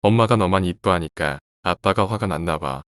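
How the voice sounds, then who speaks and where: A man's voice: deep voice, normal speed, dry recording, studio quality, natural voice. A man voicing a scolding middle-aged housewife. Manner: scolding, dismissive. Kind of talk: horror story reading.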